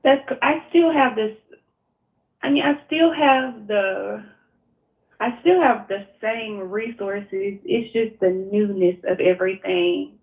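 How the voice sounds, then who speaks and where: Speaking slowly in a mid-range voice, a woman with a Mississippi accent calls for coaching and shares personal things, hesitating and hunting for the right words. It's an unscripted phone conversation heard through a tinny, narrow-band line.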